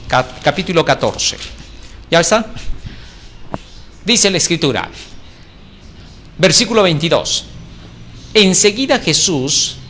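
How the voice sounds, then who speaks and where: A man's voice: fairly high pitch, bright, forceful tone, a little hiss or hum. A man preaching a sermon, reading scripture dramatically and asking rhetorical questions.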